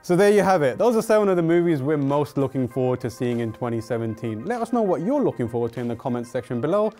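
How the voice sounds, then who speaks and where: Male host, mid-pitched voice, upbeat scripted preview read with light sarcasm, faint music underneath. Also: very animated, quick pace. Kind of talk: scripted film preview narration.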